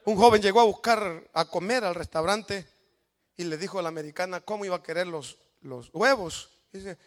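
A Salvadoran man preaches in a church, his voice pitched very high for a man. He drives the sermon with shouted, emphatic cries of praise and calls for the crowd to answer. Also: moderate pace. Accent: Salvadoran Spanish.

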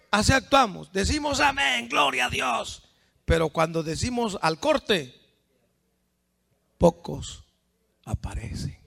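A man preaching a fervent sermon, swinging from hushed asides to shouts and firing questions at the congregation. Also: high voice, vocal fry.

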